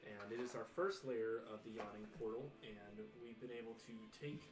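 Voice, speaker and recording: A man's voice: fairly low pitch, moderate pace. Earnest man hosting, echoey room. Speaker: host. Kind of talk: live stream show introduction. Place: room with a gaming table. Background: music playing.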